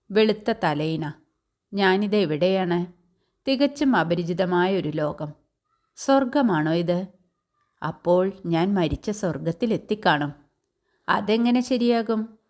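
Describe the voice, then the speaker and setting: A woman reading a short story aloud in a calm, measured, reflective way. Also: mid-range voice. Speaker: story reader.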